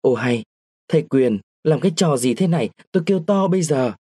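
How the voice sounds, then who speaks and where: A man voicing a timid young village woman in a read-aloud story, pitching his voice up and pleading. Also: animated, fairly quick, mellow, breathy edge, dry recording, clean studio sound. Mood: alarmed.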